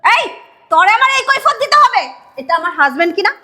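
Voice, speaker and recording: Woman doing scolding wife in a short film, very high sharp voice. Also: big pitch swings, quick pace, soft background music, full character voice. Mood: defiant. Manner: scolding, defiant, dialectal speech. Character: defiant wife defending her husband. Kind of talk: melodramatic short film acting.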